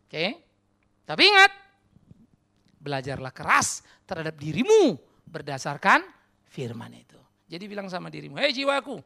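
A man delivers a sermon as pastor with a high, gravelly voice that swings freely up and down. He keeps questioning the congregation and slips slang and English phrases into his talk. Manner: animated, questions the congregation directly; mixes casual slang and English words. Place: church.

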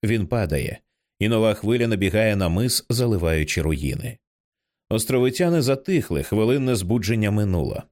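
A man narrating an audiobook in an expressive reading style, changing his voice for the characters. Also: on the low side, moderate pace. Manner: expressive, acts out many characters. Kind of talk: scripted narration.

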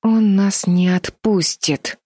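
A woman's voice: medium pitch, slow pace, warm tone, dry recording, clean studio sound, pitched above the performer's own voice. A woman voicing a frightened but determined girl in an audiobook, speaking urgently in a raised voice. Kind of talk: audiobook character voice.

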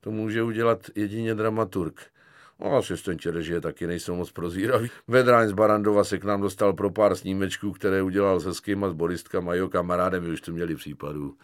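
A man's voice: low voice, fairly even intonation, no echo, studio quality, close to an everyday voice. A man voicing a cynical, joking young army medic corporal in an audiobook, slangy and chummy with a mocking edge. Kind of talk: audiobook character voice.

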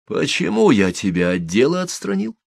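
A man voicing a menacing middle-aged gang boss who talks slowly and threateningly in an audiobook. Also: mid-range voice, huge pitch swings, creaky, breathy edge, dry recording, studio quality, voice pushed up, heavily acted.

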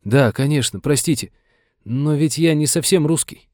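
Brief: eager young man, flustered and hesitant, pitched up, voiced by a male narrator. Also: moderate pace, a little mellow, no echo, studio quality, lightly acted.

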